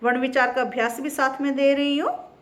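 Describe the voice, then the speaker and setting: A woman teacher giving a recorded grammar lesson, spelling words out slowly sound by sound. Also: high voice, fairly even intonation.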